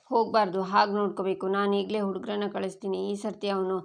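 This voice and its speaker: Brief: woman voicing a cold, scheming rich father in a story recap, even-toned and threatening. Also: mid-range voice, quick pace, gravelly, lightly acted. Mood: menacing.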